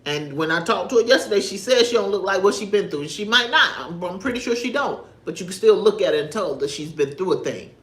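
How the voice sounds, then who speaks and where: A woman, talking casually about faith on a livestream, animated and emphatic like a storyteller. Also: mid-range voice, quick pace, few pauses, echoey room. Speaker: livestream host. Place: home livestream in an echoey room.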